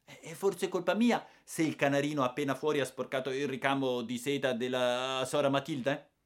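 A man's voice: fairly high pitch, fairly bright tone, voice pushed up, natural voice. A man reading aloud and voicing a cheeky young boy who argues back indignantly against the grown-ups. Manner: indignant, pleading tone. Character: cheeky young boy, defiant and self-pitying. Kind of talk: audiobook character voice.

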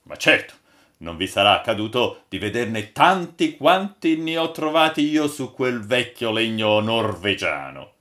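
A man voicing a gruff old ship's boatswain who spins yarns, booming and mock-stern, in an audiobook. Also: sing-song, measured pace, fairly bright tone. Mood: storytelling. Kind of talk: audiobook character voice.

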